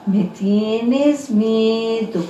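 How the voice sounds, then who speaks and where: A woman's voice: on the high side, warm tone, reverberant, muffled recording, a little hiss or hum. Woman putting on a taunting ghost girl. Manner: slow, drawn-out taunting. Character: creepy little ghost girl, taunting and sly.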